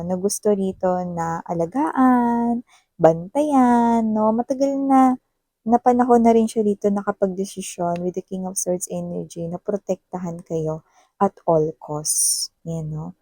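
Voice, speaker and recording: A woman's voice: dark tone, no room sound. Chatty woman reading tarot. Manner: chatty, tags sentences with "no?"; acts out a partner's scolding in a higher voice. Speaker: tarot reader. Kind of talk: casual tarot reading to viewers.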